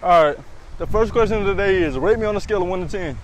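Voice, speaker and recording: A man's voice: high voice, fast, a little hiss or hum, poor audio. A young man hosting playful, teasing outdoor street interviews, asking cheeky questions in slangy casual talk with a handheld mic. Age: young adult.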